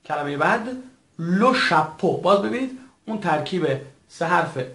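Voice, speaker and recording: A man teaching a recorded language lesson in a formal, patient way, repeating each word slowly for his learners. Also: sits high, animated, fairly bright tone. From Iran. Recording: echoey room.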